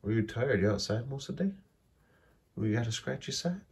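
A man filming his cat at home and talking to it in soft, doting baby talk, often dropping to a whisper, recorded on a handheld phone in a carpeted basement. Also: medium pitch, animated, a little fast, slightly rough. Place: carpeted house basement, indoors. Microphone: handheld phone camera.

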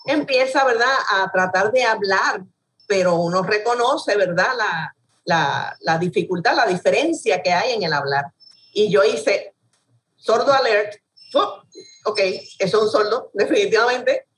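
A woman's voice: mid-range voice, lively intonation, measured pace. A woman co-host with a Puerto Rican accent, telling stories animatedly, laughing and acting out other people's voices. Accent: Puerto Rican Spanish. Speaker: radio show co-host. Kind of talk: lively storytelling in conversation. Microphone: video call from home. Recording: distant video call audio.

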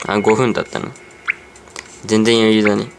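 A man with a lowish voice rambles through easygoing game commentary, talking to himself as he plays. His delivery is flat and moderately paced. Background music is clearly audible under his voice, along with some background noise.

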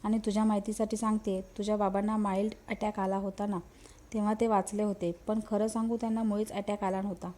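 A woman's voice: medium pitch, flat delivery, fast talker, dark tone, lightly acted. A woman voicing a vengeful, possessive female ghost, by turns menacing and mournful, in a storybook reading. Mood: threatening.

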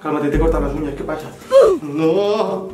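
A man's voice: on the high side, normal speed, distant mic. A young man, talking casually in a home vlog while soothing and coaxing a pet. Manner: coaxing, soothing talk to a pet, with sudden pleading outbursts. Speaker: vlogger. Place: home bathroom. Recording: roomy echo, away from the mic, music behind.

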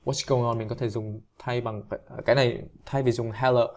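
A man of ordinary middle pitch runs a relaxed singing lesson, chatting through tricky pronunciation. He talks in a loose, self-deprecating way, with frequent restarts. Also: a little fast. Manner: chatty, self-deprecating, breaks into sung demonstrations. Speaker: English teacher.

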